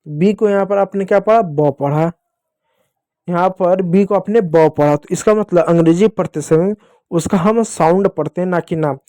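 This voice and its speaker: High-voiced man teaching phonics. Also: normal speed, dark tone, no echo, clean studio sound. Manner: patient, repeats questions and answers them himself. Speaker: English teacher. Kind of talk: classroom-style phonics lesson.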